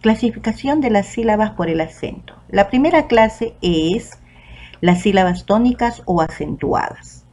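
A woman teacher with a Peruvian Spanish accent, giving a recorded online lesson to children and saying the example words out slowly and clearly. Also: medium pitch, lively intonation, a little mellow. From Peru.

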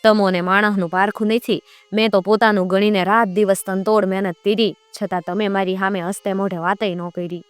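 A woman's voice: medium pitch, steady tone, fairly quick, smooth, no echo, soft background music, natural voice. A woman voicing a crude young male cowherd, speaking plainly and with grievance. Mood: aggrieved. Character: lovesick grumbling male cowherd, crude and wounded.

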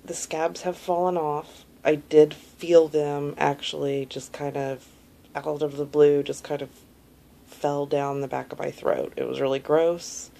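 Lying in bed in a small room, a woman in her thirties records a casual, low-energy vlog update on her recovery from tonsil surgery, holding her phone at arm's length. Her sore throat leaves her voice gravelly and creaky. She speaks unhurriedly and mellowly, with little pitch movement.

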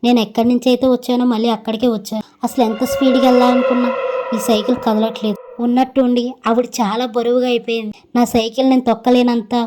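A woman narrating a first-person horror story in an even, measured reading. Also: on the high side, noisy background.

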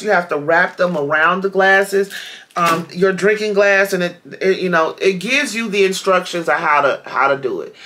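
A woman's voice: fairly low pitch, fairly bright tone. A woman chatting casually to viewers while unboxing a package at home, with lots of fillers and y'all. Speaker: vlogger.

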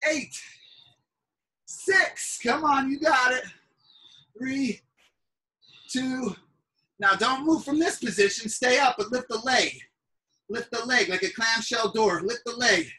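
A woman instructor leads a fitness class on a live group video call from an indoor room, coaching with countdowns and upbeat, hyped encouragement and often raising her voice to cheer people on. Her voice is fairly high and sharp, slow-paced with frequent pauses. The device recording her sits back from the exerciser, giving a distant-mic sound.

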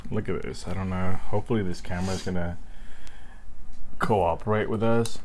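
A man with a low, deep voice chats casually as a mukbang vlogger. He chews while talking, pausing between bites, with some room noise behind him. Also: fairly even intonation, darkish tone. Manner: chatting while eating, chewing between phrases. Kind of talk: casual chat. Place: small room at home, indoors.

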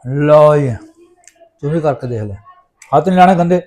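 A man's voice: a little high, lively intonation, moderate pace, a little mellow. A man with a Punjabi accent hosting a casual home food vlog, exclamatory and fond of repeating catchphrases to his viewers. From Punjab, India. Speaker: vlog host.

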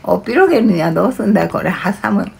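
Chatting on a livestream from her small, cluttered home kitchen-dining room, a woman in her 80s speaks rural Kanto Japanese dialect in a mid-range, gravelly, slightly mellow voice. She's expressive and quick, muttering, grumbling and reading comments in a flustered, plaintive manner. A handheld phone close to her face picks up faint room noise.

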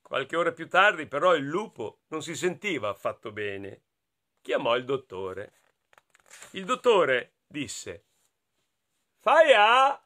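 A man from Italy reading a picture book aloud to children, playful and animated, inviting them to join in. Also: mid-range voice, measured pace. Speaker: children's storyteller.

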